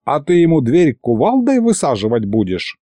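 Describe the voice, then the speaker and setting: A man voicing a gruff, fussy old grandfather in an audiobook, with folksy grumbling that turns to yelling. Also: a little high, huge pitch swings, moderate pace, no echo. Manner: folksy grumbling, yells when angry. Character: gruff old male house spirit, fussy and hot-tempered.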